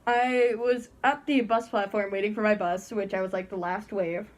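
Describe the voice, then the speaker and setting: Her mid-range voice keeps fairly even intonation at a moderate pace as this teen vlogger tells a story from her bedroom. She wears a costume head and stays chatty and giggly, acting out those she quotes.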